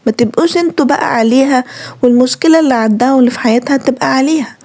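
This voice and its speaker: Egyptian woman vlogging, high voice, talks fast, earnest and scolding. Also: a little mellow. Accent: Egyptian Arabic. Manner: earnest, reproachful, lecturing listeners directly. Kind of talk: heartfelt talk to camera.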